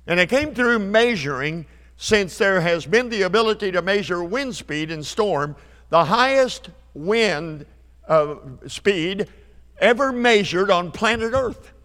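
A man in his seventies preaching a revival sermon, emphatic, repeating key phrases and building to loud climaxes. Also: high-pitched. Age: 70s. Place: church sanctuary. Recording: long hall reverb.

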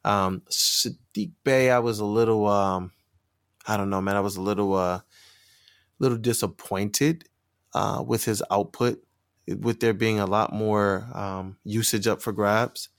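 Low-voiced man, hesitant podcast guest. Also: fairly even intonation, measured pace, clear, resonant tone, no echo, studio quality. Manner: hesitant, many fillers and repeats. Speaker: podcast guest, sports media member. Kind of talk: casual sports podcast chat.

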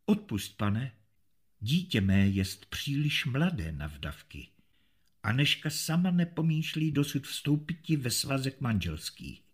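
A man's voice: mid-range voice, husky. A man doing a dignified, defiant castle lady. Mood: firm. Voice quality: calm, measured. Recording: faint music behind.

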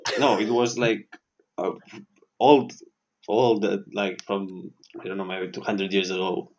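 A man's voice: fairly low pitch, little pitch movement, a little slow, darkish tone. A man co-hosting a podcast, telling a story in a loose, laughing way. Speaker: podcast co-host. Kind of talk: casual storytelling.

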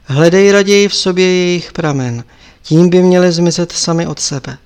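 A man's voice: high voice, darkish tone, clear, resonant tone. A man voicing a stern old lama abbot. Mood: instructive. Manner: measured, admonishing, lecturing.

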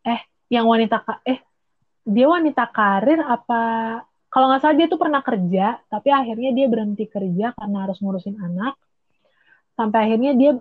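A woman's voice: fairly high pitch, no echo. A young woman, chatting casually and rambling with restarts and slang. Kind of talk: casual chat. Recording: tinny phone-like line.

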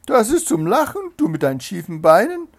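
A man voicing a haughty, mocking hare who thinks himself a fine gentleman, in a storybook reading. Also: huge pitch swings, moderate pace, slightly rough, heavily acted. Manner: sneering, shrill and loud.

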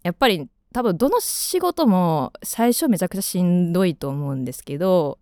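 In studio-quality audio with no echo, a Kansai-accented radio host in her twenties chats away in a rambling, filler-heavy style. Her voice is on the low side and warm in tone, with lively intonation and a brisk pace.

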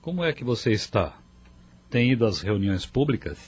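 An actor in a radio drama playing a calm, fatherly mentor who counsels gently. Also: mid-range voice, moderate pace, breathy edge. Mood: counseling.

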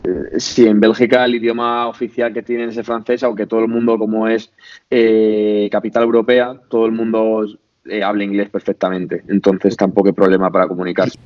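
This podcast guest is a man in his late 20s from Madrid, speaking Spain Spanish with a fairly low, flat pitch and a fairly quick pace. He chats casually in an interview, hesitant and full of fillers and restarts. The lo-fi audio is dull.

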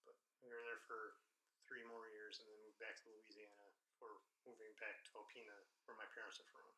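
A man in his thirties on a casual talk show, telling his story in a relaxed, matter-of-fact way. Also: on the low side, brisk, a little hiss or hum. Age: 30s. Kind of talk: casual interview chat. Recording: echoey room.

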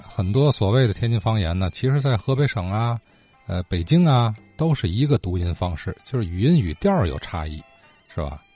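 A man hosting a radio program, chatty and animated, posing rhetorical questions. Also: lowish voice, breathy edge, no echo. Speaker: radio host. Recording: dry studio voice over faint music.

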